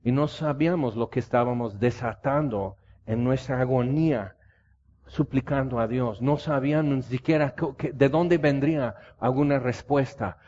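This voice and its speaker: A man's voice: mid-range voice, normal speed, darkish tone. A man preaching a sermon, telling stories with passion. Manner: impassioned storytelling preaching. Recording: dull lo-fi recording.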